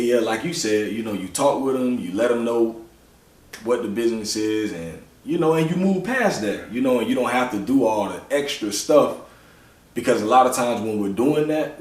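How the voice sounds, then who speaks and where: A man hosting a podcast, talking in a loose, reflective way with lots of "you know". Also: mid-range voice. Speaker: podcast host. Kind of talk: casual conversational interview. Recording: roomy sound from a distant mic.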